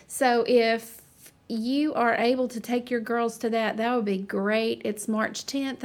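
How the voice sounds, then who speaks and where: A woman hosting a Bible study podcast in a conversational way. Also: a little high.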